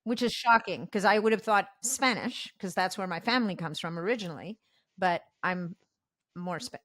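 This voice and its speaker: A woman's voice: mid-range voice, normal speed, fairly bright tone. Woman, born in Morocco, podcast host, direct, short interjections, casual chat.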